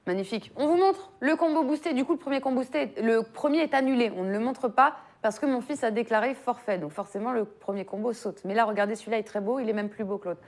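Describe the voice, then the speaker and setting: Brisk woman hosting a betting show. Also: on the high side, darkish tone. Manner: brisk, upbeat presenting. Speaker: host. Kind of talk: live betting show presenting.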